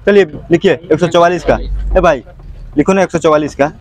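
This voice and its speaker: Loud chanting bike auctioneer, man. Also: fairly high pitch, brisk. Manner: repetitive bid calling, chanting prices. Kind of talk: outdoor bike auction calling. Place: outdoor lot full of parked motorbikes.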